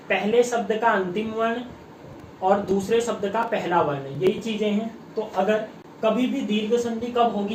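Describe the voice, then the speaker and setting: Teaching exam prep online, this man repeatedly quizzes his students and reads out what they comment. His voice is high and a little mellow, picked up by a distant mic in an echoey space with slight hiss or hum.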